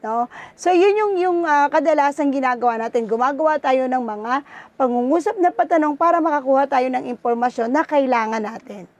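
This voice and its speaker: A woman teacher with a Filipino accent gives a lesson in a high, bright-pitched voice. She keeps checking in with her pupils, tagging her points with "no?" and "okay?". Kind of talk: online class lesson.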